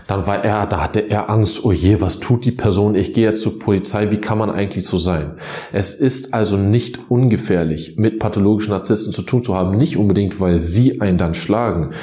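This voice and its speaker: Deep-voiced man explaining in an echoey room. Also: a little mellow. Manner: acts out quoted lines in shifting voices. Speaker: psychological counselor explaining narcissism. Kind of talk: explanatory talk to camera.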